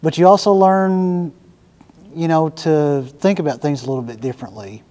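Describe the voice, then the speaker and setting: A man giving thoughtful, unhurried interview answers, pausing often with fillers as he searches for words. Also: fairly high pitch, warm tone. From Arkansas, USA. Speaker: interviewee working with international students. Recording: echoey room with long reverb.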